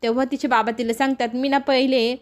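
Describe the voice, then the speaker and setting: A woman with a high, light voice tells a serial's latest episode as a story. She keeps a brisk pace and drops into the characters' quoted lines as she narrates. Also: flat delivery.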